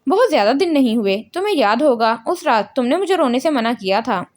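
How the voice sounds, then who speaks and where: A woman voicing a gentle, teasing young man in a storybook reading, calm and soothing. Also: high-pitched.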